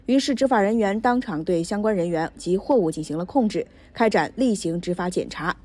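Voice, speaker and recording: Mellow female news narrator. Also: mid-range voice, lively intonation, brisk.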